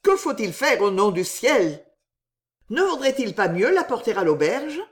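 Female reader doing a panicky young guy begging what to do, pitch all over, audiobook. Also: very animated, unhurried. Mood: frantic. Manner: pleading, frantic. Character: panicked young husband, a man.

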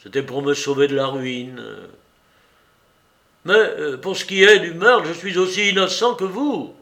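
A man puts on a desperate, cornered army colonel in an audiobook, pleading his innocence in a high, strained voice. He pushes hard and loud, protesting through every line. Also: unhurried. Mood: pleading confession.

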